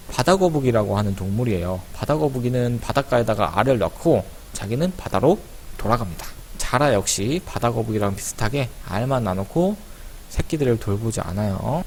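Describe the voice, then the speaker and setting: A teacher gives a relaxed online explanatory lesson to schoolchildren, addressing pupils directly in a conversational style. He has a medium-pitched voice with a darkish tone. Clear hiss can be heard behind him.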